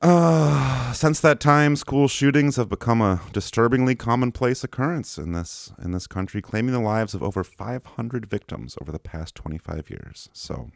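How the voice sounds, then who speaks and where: A man's voice: medium pitch, normal speed, creaky, hardly any pauses, no room sound, clean studio sound. A man hosting a podcast, joking around in casual chat and giving playful word clues. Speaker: podcast host.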